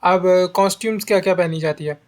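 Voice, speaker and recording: A man's voice: high voice, brisk, a little mellow. A man teaching an exam-prep lecture, often repeating key terms as memory drills and slipping into English phrases.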